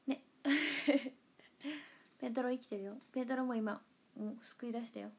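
Chatting playfully on her livestream, a young idol from Kansai reads comments out loud, giggles frequently and slips in murmured asides, all in a Kansai Japanese accent. She speaks at a normal speed with a fairly high pitch and a breathy edge.

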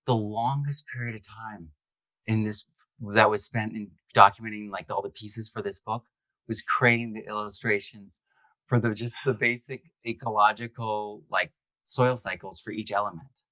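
A man's voice: lowish voice, fairly even intonation, moderate pace, bright, forceful tone, dry recording. A male author being interviewed, speaking casually and animatedly with lots of "like". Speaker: author and guest. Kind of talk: conversational interview.

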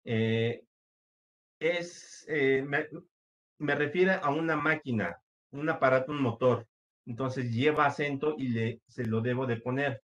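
Slow, patient male computer teacher. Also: mid-range voice, a bit bright. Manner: slow, patient, step-by-step with many fillers. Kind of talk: screen-share computer lesson.

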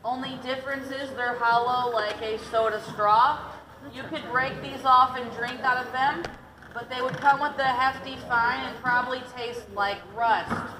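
Her voice is high, with fairly even intonation and a moderate pace, as she guides a boat through a cave's underground lake with jokes and stories. The giggly, talkative guide is from Detroit and was partly raised in Tennessee. A passenger's distant camera records a noisy background full of chatter.

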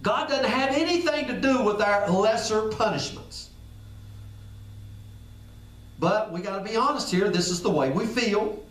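A man preaches in a folksy, conversational way, his voice sitting high for a man. He sounds echoey and a little distant from the mic, as if recorded in a big room. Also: expressive, measured pace, long pauses, fairly bright tone. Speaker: pastor. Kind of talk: sermon.

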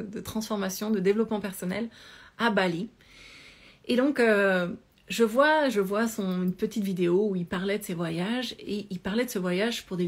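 Woman in her thirties, yoga coach telling her life story at home into a close camera, chatty, lots of fillers and restarts. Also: mid-range voice. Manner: chatty, animated hand gestures, many fillers and restarts. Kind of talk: casual personal storytelling. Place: small indoor room at home. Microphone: phone or webcam close to face.

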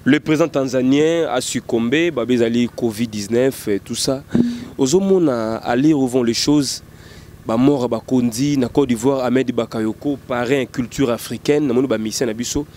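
A man's voice: mid-range voice, normal speed, warm tone, a little hiss or hum. A man hosting an interview, prompting his guest with questions and short agreements. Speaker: interviewer host.

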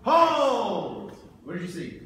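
A man with a fairly high, swooping voice referees a combat sport bout in booming, commanding calls. His delivery is measured, like an announcer giving rulings. The sound is very echoey, picked up from across the room. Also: expressive. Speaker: match referee. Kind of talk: refereeing a martial arts sparring match. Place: large indoor gym with rubber floor. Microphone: distant camera microphone. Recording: distant camera in echoey hall, background noise.

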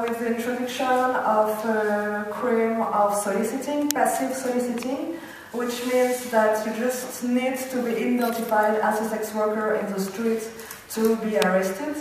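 A woman making hesitant remarks to a meeting, pausing often. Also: fairly high pitch, slight background noise. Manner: hesitant, many fillers. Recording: echoey room from far off.

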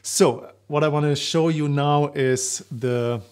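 Middle-aged male coach, narrow pitch range, to-camera presentation, semi-scripted, pausing delivery. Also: steady tone, a little mellow, clean tone. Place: small living-room home studio indoors. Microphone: shotgun microphone just out of frame.

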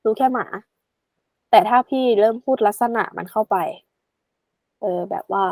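A woman tutoring a student in a casual, chatty way, addressing the learner affectionately and slowing right down to spell out English examples. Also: medium pitch, gravelly, a little mellow, no echo.

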